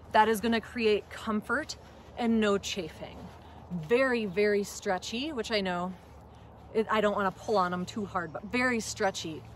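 A woman's voice: medium pitch, slight background noise. A woman with a Minnesota accent, chatting to camera in an enthusiastic gear review with plenty of ums, indoors at a table. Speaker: outdoor gear vlogger.

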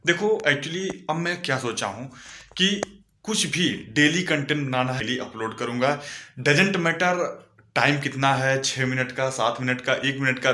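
A man's voice: medium pitch, sharp tone, roomy sound. A man talking casually to his viewers in a vlog, earnestly giving motivational advice and calling them friends. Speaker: vlogger.

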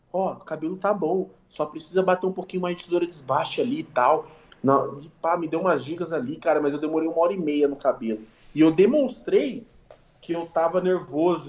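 This guest barber has a high voice and chats casually on a podcast, telling relaxed, slangy stories peppered with sound-effect words. The sound is lo-fi and the room echoey.

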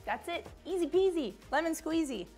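Her voice sits high, with a darkish tone, and she's animated at a moderate pace. Teaching young children at church, this woman leads a drawing activity in an upbeat, chatty, encouraging way, tossing in playful asides while faint music plays in the background.

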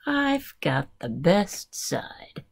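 A woman's voice: sits high, wildly swooping pitch, a little slow, vocal fry, darkish tone, no echo, pitched above the performer's own voice, exaggerated voice. A woman voicing a cocky, bragging coyote in a picture book, in a much raised voice.

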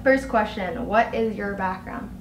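A woman's voice: mid-range voice, measured pace, slight background noise. Giggly young woman in an echoey room. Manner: giggly, chatty, lots of "like". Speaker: co-host of a couple's channel. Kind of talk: casual chat.

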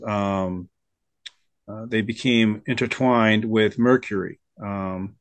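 A man's voice: fairly low pitch, no echo. A man hosting a casual video-call discussion, talking hesitantly with lots of fillers. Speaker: host.

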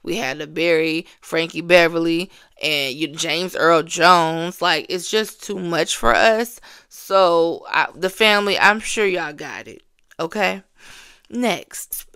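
A woman's voice: slow, clear, resonant tone, no echo, studio quality. A woman doing casual celebrity gossip commentary, sassy and blunt, scolding people and talking straight to her viewers. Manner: swings from low drawl to loud exclamations.

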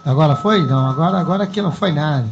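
Man on a dropping phone call, fairly high voice, dull phone sound, checking the line. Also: very fast. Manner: repeatedly calling hello into a failing line. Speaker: reporter calling in by phone.

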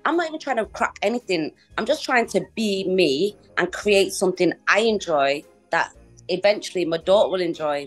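A woman's voice: mid-range voice, a bit bright. A woman musician from England, a guest on a video-call interview, talking in a chatty way with frequent laughs and repeated phrases, calling in on a phone from her living room. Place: living room with a Christmas tree.

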